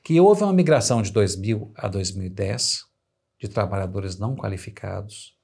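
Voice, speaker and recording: Gravelly, husky male lawyer host. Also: on the low side, expressive, normal speed, darkish tone. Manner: explanatory, reflective. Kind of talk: interview conversation.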